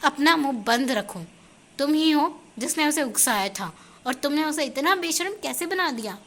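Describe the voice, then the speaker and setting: A woman's voice: high voice, expressive, moderate pace, a bit bright. A woman reading as a stern scolding young husband. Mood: exasperated. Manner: scolding and exasperated.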